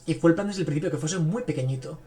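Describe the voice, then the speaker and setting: A man's voice: on the high side, rapid-fire, mellow. A man hosting a podcast, chatting casually and enthusiastically about films. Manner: enthusiastic, rambling, frequent fillers. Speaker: podcast host. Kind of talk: casual film review chat.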